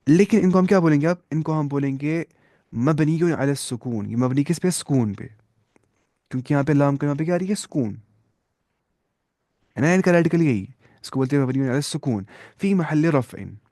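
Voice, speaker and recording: A male grammar teacher explains rules step by step, patiently drilling forms aloud and posing rhetorical questions he then answers. His fairly high, mellow voice is animated and brisk with frequent pauses, in a dry, close recording.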